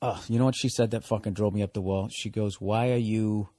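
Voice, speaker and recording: A man's voice: lowish voice, fairly even intonation, fast, dark tone, no room sound. A man hosting a podcast, ranting casually in a profane, exasperated, rambling way. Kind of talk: casual comedic rant.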